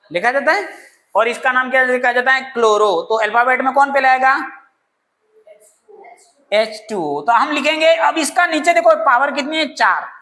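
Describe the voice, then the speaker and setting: Lecturing on chemistry to a class, a woman speaks in a high voice that sounds pushed and bright. Her teaching mixes self-answered questions, homely examples, and playful asides.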